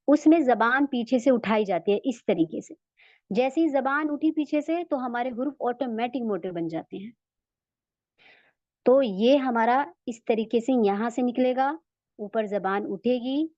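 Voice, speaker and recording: Woman, recitation teacher, patient, repeats each sound, slightly high voice, dull dry recording. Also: darkish tone, no echo. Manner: patient, repeats sounds slowly for learners to follow. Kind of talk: tajweed lesson.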